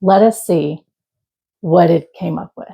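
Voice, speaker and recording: A woman's voice: fairly low pitch, measured pace, gravelly, dark tone, slightly rough. A woman hosting a crochet tutorial vlog in a chatty, casual way, opening with playful pirate greetings. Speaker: crochet channel host.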